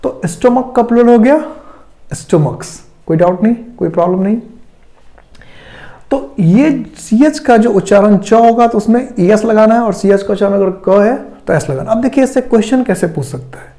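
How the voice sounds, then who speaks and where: A young Indian man gives a classroom grammar lecture, his voice high-pitched yet mellow and soft-edged. He keeps asking questions and then answering them himself, walking through each rule one step at a time. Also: moderate pace. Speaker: English grammar teacher.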